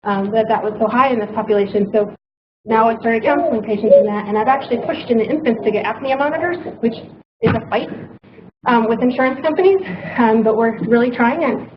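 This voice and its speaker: A woman's voice: a little high, fairly quick. A woman doctor speaking at a conference, hesitant, with frequent ums as she shares clinical lessons. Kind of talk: conference talk. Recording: muffled, noisy hall recording.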